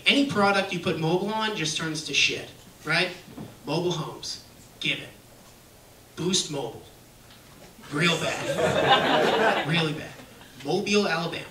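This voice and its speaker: A man doing a stand-up comedy set on a music hall stage, with a brash, punchy delivery and frequent check-ins with the crowd. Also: high voice. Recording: echoey venue, distant, loud crowd noise.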